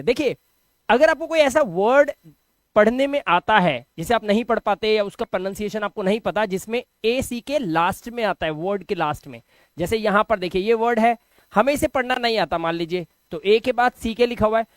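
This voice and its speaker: A man's voice: sits high, brisk, no room sound. A man giving a video lesson as a teacher, patiently repeating sounds and asking and answering his own questions. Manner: repeats key sounds for drilling.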